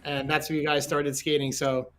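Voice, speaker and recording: Brief: thirties New host, slightly high voice, chatty, trips over his words. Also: moderate pace, clean tone. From Staten Island. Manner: stammering restarts, lively. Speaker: podcast host. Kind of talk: casual chat.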